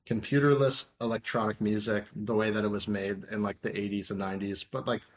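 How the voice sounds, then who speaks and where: A man in his thirties talks as a podcast guest in an easygoing, wandering way. His voice sits on the lower side. He fills every pause with "um" and "like". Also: steady tone. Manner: rambling, many fillers like "um" and "like". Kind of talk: casual interview chat.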